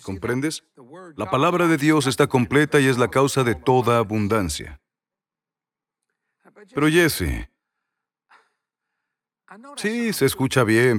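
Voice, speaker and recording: A man preaching a sermon, repeating key phrases and asking the congregation rhetorical questions. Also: mid-range voice.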